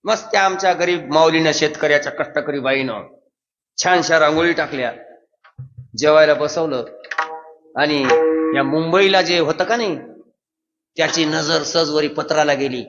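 A male devotional preacher tells his stories in a high, bright voice and keeps putting questions to the crowd. His voice rings through a long hall echo, and the recording sounds dull and lo-fi. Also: moderate pace, long pauses. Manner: lively storyteller who asks the crowd questions. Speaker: kirtan preacher. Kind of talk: devotional sermon storytelling.

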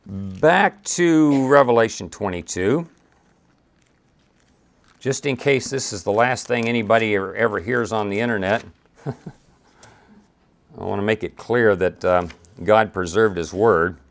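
A man's voice: on the low side, unhurried, pauses often. A man teaching a Bible study, reading scripture aloud and talking it through in a conversational way with frequent restarts and asides.

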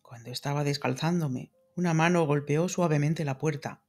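A man's voice: a little high, soft background music. Man narrating a classic novel. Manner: measured, dramatic reading. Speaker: audiobook narrator. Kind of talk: scripted literary narration.

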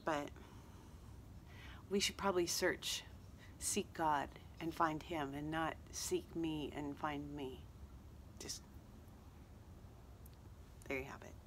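A craft vlogger sits at an outdoor table chatting casually to the camera in a lowish, fairly bright voice. She rambles with fillers and self-deprecating asides, and there's slight background noise.

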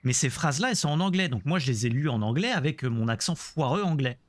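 A man's voice: medium pitch, animated, fast talker, dry recording. A man streaming a Let's Play, chatting casually about the game and joking with his viewers. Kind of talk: casual gameplay commentary.

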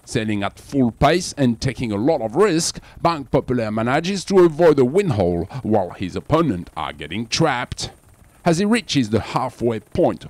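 A man with a French accent, reading scripted sailing news as the show's presenter in a measured, dramatic voice-over. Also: mid-range voice, a little mellow, no echo. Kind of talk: scripted sports news narration.

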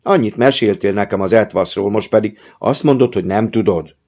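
A man's voice: on the low side, darkish tone, highs cut off. A man voicing an earnest eight-year-old boy who pleads almost in tears, in an audiobook reading. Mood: pleading.

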